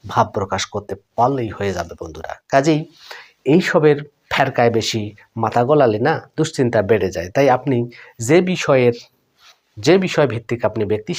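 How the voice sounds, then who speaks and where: A man's voice: medium pitch, darkish tone. Man teaching pronunciation. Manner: addresses viewers as friends, repeats words slowly. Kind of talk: Bengali-language video lesson.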